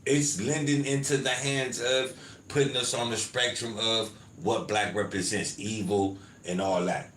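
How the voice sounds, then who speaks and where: A man's voice: medium pitch, fairly even intonation, unhurried, a bit bright, slight background noise. A man hosting his own podcast, talking casually with listeners and dropping "you feel me" and "man" into his points. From United States. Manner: loose conversational, lots of "you feel me" and "man". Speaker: podcast host. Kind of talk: casual podcast commentary, reading chat comments. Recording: roomy home recording with faint ambience.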